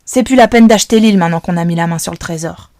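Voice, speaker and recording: A woman's voice: fairly low pitch, very fast, darkish tone, no echo, natural voice. A woman doing a menacing male kidnapper. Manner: menacing, domineering. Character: gruff threatening adult male kidnapper.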